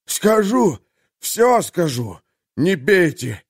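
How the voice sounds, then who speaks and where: A man's voice: lively intonation, normal speed, a little mellow, no room sound, clean studio sound, natural voice. A man voicing a terrified, beaten male jailer who shrilly begs for mercy. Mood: pleading. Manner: shrill, begging, panicked.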